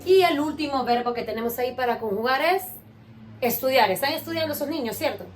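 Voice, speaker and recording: A woman's voice: sits high, animated, fast, slight background noise. A woman teaching a grade-school lesson, asking the children questions and praising their answers with patience.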